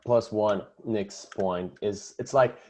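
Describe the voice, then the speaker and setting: A man's voice: on the low side, slow pace, a little mellow. A man on an online panel who adds a brief, casual note of agreement.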